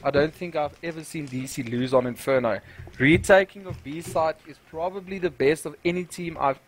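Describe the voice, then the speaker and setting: A man co-casting a live esports match in an easygoing, self-mocking way. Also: on the high side. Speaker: esports co-caster.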